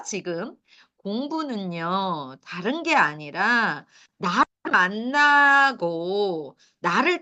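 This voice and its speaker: A woman's voice: medium pitch, sharp tone. A middle-aged woman giving a lecture to mothers, asking the audience questions and laughing at her own points. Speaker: lecturer for parents.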